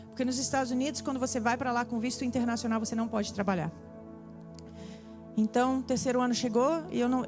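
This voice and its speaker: A young woman tells her testimony from the church stage, her voice pitched a little high. She tells it in an animated way, acting out each exchange. Soft music plays faintly behind her. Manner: animated storytelling, acts out dialogue. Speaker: preacher. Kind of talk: sermon testimony.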